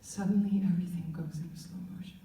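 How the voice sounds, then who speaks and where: A woman performing a comic personal story on stage in an animated, profane, playful way. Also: fairly low pitch, fast talker, roomy sound, distant mic.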